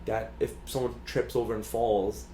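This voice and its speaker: A man's voice: fairly low pitch, level tone, normal speed, warm tone, a little hiss or hum. A man co-hosting a podcast, chatting casually in a rambling way with lots of fillers and restarts. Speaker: podcast co-host. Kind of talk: casual chat. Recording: echoey room.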